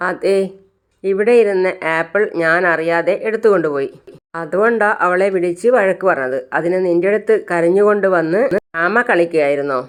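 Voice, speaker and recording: A woman's voice: on the low side, normal speed, close to an everyday voice. A woman voicing a harsh, scolding old grandmother in a storybook tale. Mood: angry scolding. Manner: sharp, scolding.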